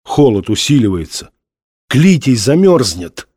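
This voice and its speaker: A man's voice: medium pitch, sing-song, unhurried, a little mellow, husky, no room sound. Blunt wary male companion, voiced by a man, plain and close, dry sound. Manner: blunt, suspicious.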